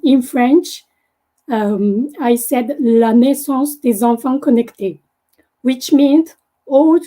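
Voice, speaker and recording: A native Japanese speaker from Japan, this guest presenter has a Japanese accent and a high-pitched, warm voice. She gives a halting presentation over a video call, full of fillers and restarts, on a rough recording.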